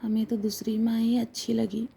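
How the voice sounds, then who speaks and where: A woman's voice: on the high side, level tone, normal speed, creaky, mellow, breathy edge, heavily acted. A woman voicing an earnest, hungry eight-year-old boy who pleads as he explains himself to his father in a told story.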